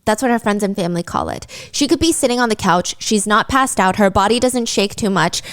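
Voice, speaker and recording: A woman's voice: mid-range voice, a little fast. A woman hosting a true-crime podcast, retelling a case in a casual, conversational way and briefly acting out quotes. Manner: lively, acts out quotes in character. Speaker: podcast host.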